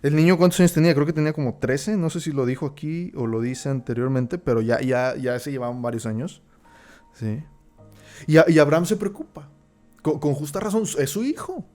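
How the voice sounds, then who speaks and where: A man's voice: a little high, fairly quick, dark tone, soft background music. A man teaching a Bible study. He reads verses aloud, then explains them and keeps checking in with his listeners.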